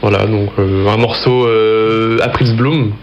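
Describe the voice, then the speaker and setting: A man's voice: fairly low pitch, fairly even intonation, slow, muffled recording, soft background music. A man, a band member guest, answering briefly and hesitantly. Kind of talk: casual chat.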